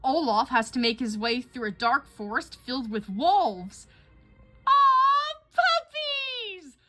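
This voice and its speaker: A woman gives an expressive storytelling reading of a children's picture book in a slightly high voice at normal speed, with faint music behind her.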